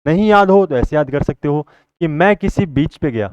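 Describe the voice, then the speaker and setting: A male teacher runs a vocabulary lesson in a fairly high, smooth, crisp voice. He keeps putting questions to his class and answering them at once. The recording is dry, with a slightly dull sound. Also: lively intonation, moderate pace, no room sound. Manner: asks the class a question, then answers it himself.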